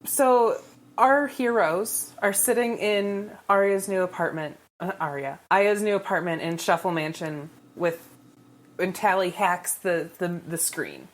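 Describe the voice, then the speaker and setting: A woman co-hosting a casual book podcast, thinking aloud slowly and tossing in dry asides. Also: fairly low pitch. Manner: slow and musing, dry asides. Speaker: podcast co-host. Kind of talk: casual book-club chat.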